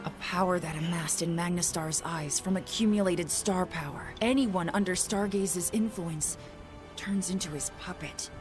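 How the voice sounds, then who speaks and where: Actor as a courteous young magician, formal and calm, a bit high-pitched, game music behind. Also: male voice, moderate pace, close to an everyday voice. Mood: earnest. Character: polite mysterious young male magician. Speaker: game character. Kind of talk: English game dub.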